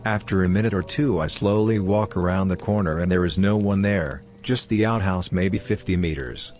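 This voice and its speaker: A man giving a steady first-person narration of online horror stories. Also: deep voice, moderate pace, soft background music.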